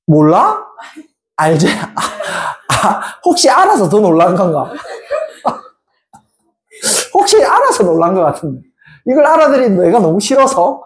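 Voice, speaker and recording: A woman teaches a math class in a bouncy, animated voice whose pitch leaps up and down. She teases her students, fires quick questions at them and sing-songs strings of digits. The tone is playful and conversational, not a formal recitation. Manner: playful, teasing students with chanted repetitions. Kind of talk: lively classroom lecture.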